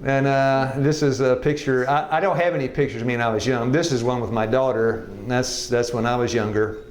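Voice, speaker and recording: A man's voice: medium pitch, steady tone, a little fast, echoey room. A man in his sixties, a health evangelism teacher, telling his life story to a class in a folksy, joking way and laughing often. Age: 60s. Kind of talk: personal testimony in a class. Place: classroom with a live audience.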